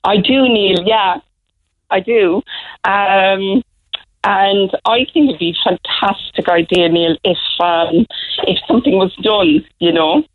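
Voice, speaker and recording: A woman's voice: mid-range voice, slow, narrow, tinny audio. A woman with a West Cork Irish accent, chatting casually as a caller to a radio phone-in. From Ireland, County Cork.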